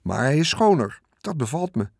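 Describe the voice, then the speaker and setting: A man's voice: medium pitch, big pitch swings, normal speed, vocal fry, breathy edge, dry recording, studio quality, full character voice. A man voicing an adult bystander at a fair in a storybook reading, speaking in a plain, conversational way. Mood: approving.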